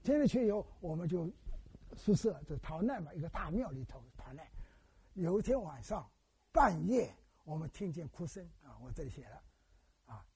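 An elderly pastor from Wenzhou, China, delivers a sermon, telling stories animatedly and quizzing the congregation with questions. His voice is a little high and slightly rough, at a moderate pace.

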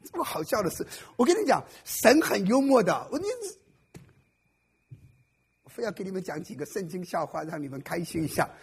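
A man's voice: sits high, expressive, brisk, gravelly, slightly rough. A man preaching a sermon to a live congregation, quizzing his listeners and cracking jokes. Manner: playful, jokes and quizzes the audience. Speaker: pastor. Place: church service before a congregation.

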